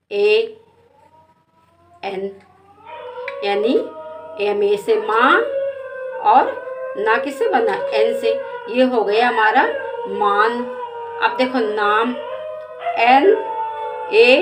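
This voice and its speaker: A woman's voice: a little high, background noise. A woman teacher giving a spelling lesson to children, asking questions and spelling out letters patiently.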